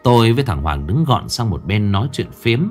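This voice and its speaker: A man narrating a ghost story in a lively, suspenseful storytelling manner. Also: on the low side, fairly quick. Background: faint background music.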